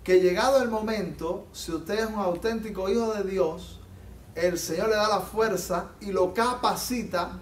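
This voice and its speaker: Male pastor, very high voice, fervent sermon delivery, heard from off-mic in an echoey church. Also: unhurried, far from the mic, a little hiss or hum. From Latin America. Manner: fervent, rising to emphatic peaks and dropping low. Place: church sanctuary.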